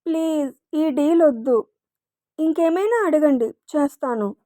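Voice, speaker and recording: A shy young heroine in love, bashful and quick to protest, as the woman narrator puts her on. Her voice rides a little above the narration. The recording is close and dry. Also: high-pitched, expressive, mellow, no echo. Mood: flustered.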